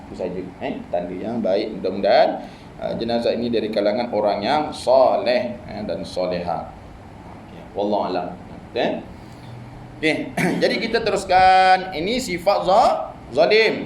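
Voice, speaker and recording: Malaysian Malay ustaz in an echoey hall. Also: male voice, a little high, a little hiss or hum. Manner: conversational teaching with frequent "ha" and "eh" interjections. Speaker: religious teacher. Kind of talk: mosque study-circle lecture. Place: mosque prayer hall.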